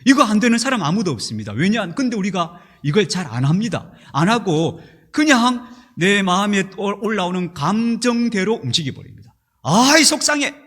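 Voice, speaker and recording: A man's voice: high-pitched, very animated, moderate pace, a bit bright, breathy edge. A middle-aged male pastor preaching a sermon in a church, telling stories and acting out angry outbursts.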